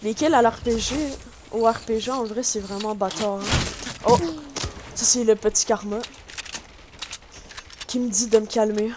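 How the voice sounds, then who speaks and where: A woman with a Quebec French accent giving chatty, excitable commentary on her gameplay to her viewers. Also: a little high, moderate pace, long pauses. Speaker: gaming YouTuber. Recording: noisy home recording.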